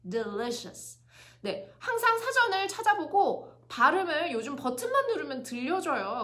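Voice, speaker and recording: Woman, high-pitched, bright tone, Korean accent, lively casual teaching, repeats example phrases. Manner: lively, demonstrative, laughs often, drills English phrases. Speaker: English pronunciation teacher. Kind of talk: casual video lesson.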